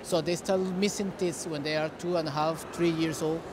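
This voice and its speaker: In a busy, echoing indoor dog show hall, a middle-aged man from Costa Rica is interviewed as a dog breeder and answers conversationally. A native Spanish speaker with a Costa Rican accent, he speaks at a moderate pace in a steady, higher-than-average voice against a noisy background of hall bustle.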